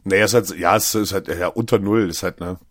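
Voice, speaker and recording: Husky man casually recapping a film. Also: low-pitched, fairly even intonation, a little fast, a bit bright, no echo, studio quality. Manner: retells scenes, acting out quotes with filler words. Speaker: podcast co-host.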